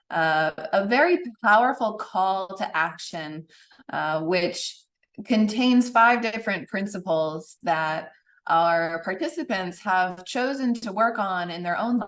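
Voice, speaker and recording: A woman from the United States moderating an online panel over a video call, welcoming each speaker. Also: medium pitch. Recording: roomy, distant from mic.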